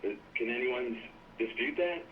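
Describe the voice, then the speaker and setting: A man's voice: mid-range voice, lively intonation, slow pace, slight background noise. A man calling in to a talk show on a speakerphone, earnestly arguing his point with hesitant restarts. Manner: earnest, hesitant political argument. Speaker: caller. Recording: tinny distant speakerphone line.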